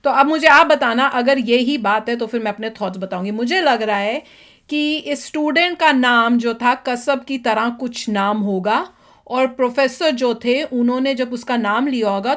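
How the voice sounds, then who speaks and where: A woman's voice: on the high side, normal speed, a bit bright. A woman from India hosting a reaction vlog, chatting and speculating aloud, mixing in English. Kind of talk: casual commentary in Hindi mixed with English.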